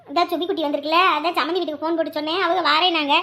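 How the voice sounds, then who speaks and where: A woman voicing a sharp-tongued, hard-working village wife and mother, quick with dismissive retorts. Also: high-pitched, fairly even intonation. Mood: plain.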